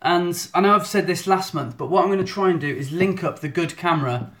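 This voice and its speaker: Speaking fairly quickly in a high, somewhat bright voice, a male photographer runs a live Q&A on his phone held in selfie mode. He's talkative and self-deprecating, with plenty of restarts.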